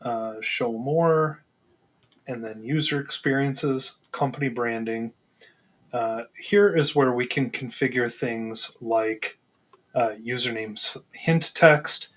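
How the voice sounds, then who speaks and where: A man's voice: medium pitch, fairly bright tone. A man co-hosting a live Q&A, walking through settings on screen with frequent ums and second-guessing. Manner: hesitant, many ums, second-guessing himself. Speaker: co-host answering questions.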